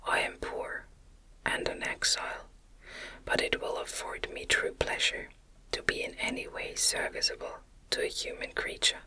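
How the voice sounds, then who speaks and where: A woman's voice: moderate pace, bright, forceful tone, natural voice. Whispered kindly old man played by a woman. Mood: kind, reassuring. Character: kindly old blind man, poor exile, compassionate. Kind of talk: whispered ASMR audiobook reading.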